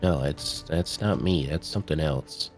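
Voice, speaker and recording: A man playing in a tabletop game over a voice call, his voice coming through a robotic, metallic auto-tune filter, hesitant and full of pauses. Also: rumbling low, soft background music. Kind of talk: casual play over a voice call. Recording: voice call audio with a glitching auto-tune effect.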